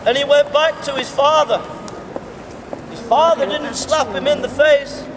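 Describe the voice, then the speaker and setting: Picked up by a distant camera, a middle-aged man preaches on an outdoor pedestrian shopping street in a very high-pitched, steady voice, hammering home repeated phrases slowly and emphatically. The sound is roomy with distant reverb, and street ambience and traffic come through clearly.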